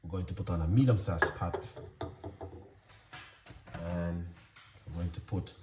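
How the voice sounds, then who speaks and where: A man with a soft, quiet voice, hosting a casual cooking demonstration and chatting unhurriedly with plenty of fillers. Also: unhurried, roomy sound, distant mic, very noisy. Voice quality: soft, low-volume voice. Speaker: recipe channel host.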